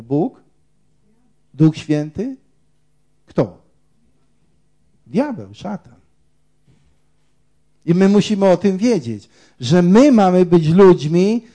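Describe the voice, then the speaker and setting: Guy preaching a sermon, high mellow voice, asks the crowd questions, takes his time. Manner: emphatic, rhetorical questions to the congregation; quotes scripture.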